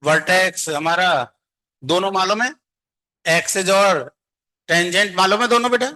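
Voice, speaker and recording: A man's voice: sits high, normal speed, bright, forceful tone. A man teaching a math class, constantly quizzing and coaxing his students to answer. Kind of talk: classroom lecture.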